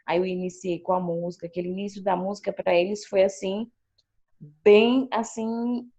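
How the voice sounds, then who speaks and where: A woman with a Brazilian Portuguese accent, a teacher, chats about her classroom on a video call, acting out what her pupils said in a lively retelling. Her voice is mid-range and her pace moderate. The audio is dull and lo-fi, typical of a video call.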